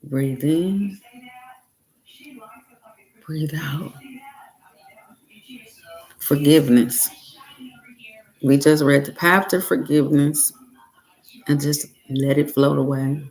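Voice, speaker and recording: Reading a guided self-help meditation, a woman speaks very slowly in a deep, slightly mellow voice with a gravelly fry. She separates phrases with long, deliberate pauses, and the audio quality is poor.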